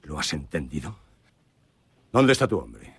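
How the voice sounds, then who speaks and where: Dude dubbing a low raspy gunslinger making threats, voice rises and drops a lot. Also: male voice, very animated, a little slow, dry recording, exaggerated voice. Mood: menacing. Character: menacing young outlaw son, cold and threatening. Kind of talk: dubbed film acting.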